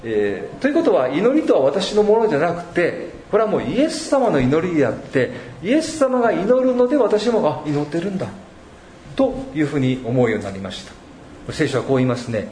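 A man preaching a sermon as pastor, measured and reflective, pausing often between thoughts. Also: a little high, sing-song, darkish tone, slight background noise. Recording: echoey room.

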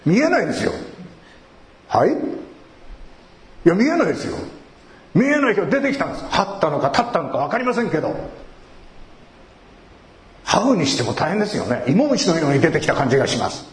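Man preaching in an echoey room. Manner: conversational preaching with rhetorical questions, sudden rises in pitch. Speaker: pastor. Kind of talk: sermon.

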